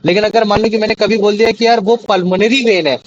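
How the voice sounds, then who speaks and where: A young male teacher leads a classroom lesson, pitched fairly high for a man. He keeps circling back with questions to make sure the class follows. Faint noise sits under the recording. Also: steady tone, fast, dull audio. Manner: repeats questions to check understanding.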